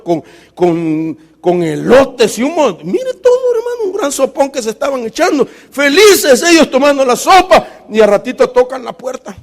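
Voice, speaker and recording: Very high-voiced preacher in an echoing hall. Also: male voice. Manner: fervent storytelling preacher, keeps calling listeners "brother". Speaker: pastor. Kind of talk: sermon. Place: church sanctuary. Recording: long reverb of a church hall.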